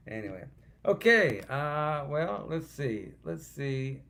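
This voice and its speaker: Alone at home with a guitar, a middle-aged man hosts his own music livestream, chatting between songs and reading viewer comments in a rambling, self-deprecating way. His voice is on the high side and sharp, slow, with vocal fry and big pitch swings.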